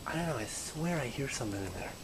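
Out in an overgrown yard, a young man holds a camera on himself for an exploring vlog, sounding hesitant and uneasy and trailing off mid-sentence. His mid-range voice is animated and quick, against a noisy background.

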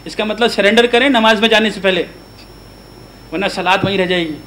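A man delivers a religious lesson in a fairly high voice, often turning to his listeners with questions. English words slip into his talk. Faint noise sits under the recording. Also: a bit bright, low-quality recording. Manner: asks the audience frequent questions; chants prayer verses aloud. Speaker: Quran teacher. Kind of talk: religious lecture.

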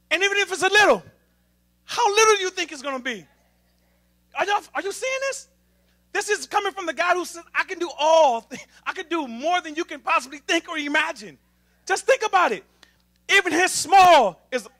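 A young adult man preaching a lively sermon in a church, with playful, humorous call-and-response to the congregation. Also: very high voice. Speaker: assistant minister. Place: church sanctuary.

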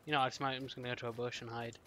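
A man's voice: mid-range voice, flat delivery, very fast, a bit bright, a little hiss or hum. A man chatting casually while playing a game, muttering to himself as he loots. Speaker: player.

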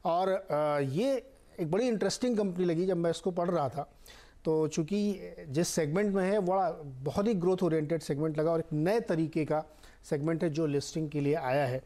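A man anchoring a business news interview in a TV studio, asking measured questions with drawn-out fillers. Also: fairly high pitch, dark tone.

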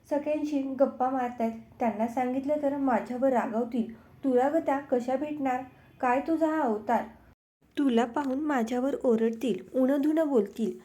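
A woman's voice: sits high, dark tone, natural voice. A woman voicing a young palace maid who fires off fretful questions in a devotional storybook tale. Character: young palace maid, fussy then humble.

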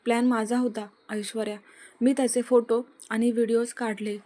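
A woman's voice: on the high side, flat delivery, moderate pace, warm tone, natural voice. A woman reading the lines of an eager young female friend with a plan, in a story reading. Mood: confessing.

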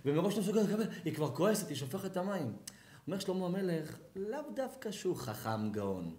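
Male rabbi, high voice, dramatic live sermon, roomy echoey hall. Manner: animated, dramatic, acts out scenes. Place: lecture hall or synagogue.

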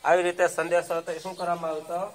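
A man's voice: a little high, flat delivery, a little fast. A male schoolteacher teaching a class of schoolchildren. He keeps checking in with the class, asks them questions and answers them himself.

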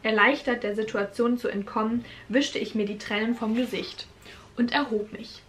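A woman's voice: a little high, steady tone, normal speed, a bit bright, a little hiss or hum. A young woman reading her own teenage crime story aloud and breaking off for sarcastic comments on the writing. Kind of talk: reading aloud with joking asides.

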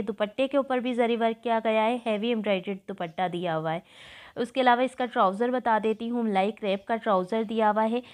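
A woman's voice: on the high side, darkish tone. A woman with a Pakistani Urdu accent, narrating a clothes-shopping vlog voice-over and gushing over each outfit as she describes it. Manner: repetitive, gushing product descriptions. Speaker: shopping vlogger. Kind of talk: voice-over product walkthrough.

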